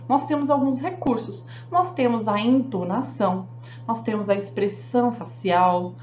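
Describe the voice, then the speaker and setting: A woman teacher giving a grammar lesson, explaining step by step and often checking that the class follows. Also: on the high side. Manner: explanatory, asks the class frequent check questions. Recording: echoey room, dull sound, faint hum.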